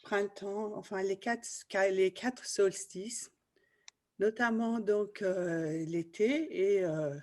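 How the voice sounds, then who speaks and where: A woman's voice: mid-range voice, slow pace, darkish tone. A woman from Iran, a participant on a video call, sharing her thoughts hesitantly with many fillers.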